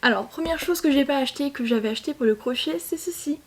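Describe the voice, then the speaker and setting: A woman's voice: high-pitched, quick pace. A young woman chatting casually to camera at home, bubbly, with lots of fillers and restarts. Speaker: vlogger.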